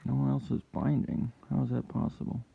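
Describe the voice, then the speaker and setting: A gravelly, mid-pitched man talks his viewers through a fiddly hands-on job, muttering his progress as he goes and now and then breaking into frustrated outbursts. The recording is a bit muffled and lo-fi, like a home setup. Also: steady tone, brisk. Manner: muttering to himself while working, with sudden frustrated yells. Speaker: lockpicking hobbyist channel host. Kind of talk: casual hands-on commentary.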